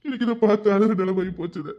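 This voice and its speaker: A man's voice: high voice, racing. A male storyteller who reads an audio love story, voicing its characters with emotional, tearful delivery. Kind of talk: dramatic audio story narration. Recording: dull lo-fi recording.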